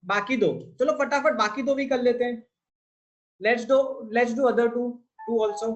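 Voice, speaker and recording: On a muffled recording, a very high-voiced man speaks slowly while teaching a physics lesson. He uses an Indian English accent, switches between Hindi and English, and poses questions to the class before answering them himself.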